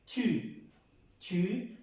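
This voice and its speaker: A French teacher speaks very slowly in a dark-toned voice during a classroom lesson, patiently explaining pronunciation and repeating each sound several times. The recording is echoey, with his voice distant and off-mic.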